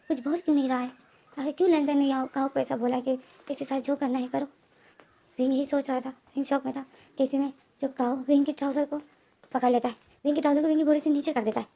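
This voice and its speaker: A woman retells a story in a rushing, run-on narration. Her voice sits high and she speaks quickly, repeating names as she goes. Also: fairly even intonation, dark tone.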